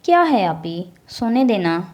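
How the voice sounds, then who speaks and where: A woman voicing a cheeky, lazy teenage girl who teases her family in a bubbly, higher voice, in a storybook reading. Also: big pitch swings, a little mellow, highs cut off, close to an everyday voice. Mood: teasing.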